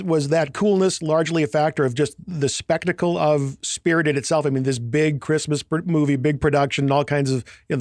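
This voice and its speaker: A man's voice: fairly high pitch, darkish tone, no echo, studio quality. A man hosting an interview, asking long, rambling questions with light jokes. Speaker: interview host. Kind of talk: casual interview.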